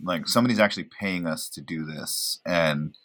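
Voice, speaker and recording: An actor in his thirties from Oregon, USA chats casually as a podcast guest, rambling and self-deprecating with many fillers. His voice sits low and is a bit bright, at a normal speed.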